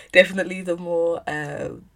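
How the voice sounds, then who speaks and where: A woman's voice: sits low, fairly even intonation, normal speed, vocal fry, a bit bright. A woman in her mid-twenties with a South East London accent, chatting casually and candidly as a solo podcast host recording at home. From south-east London, England.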